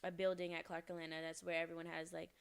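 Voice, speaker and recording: Smooth-voiced young woman telling a story. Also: fairly low pitch, fast talker. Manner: animated storyteller acting out quoted lines. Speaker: podcast guest. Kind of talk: casual storytelling chat.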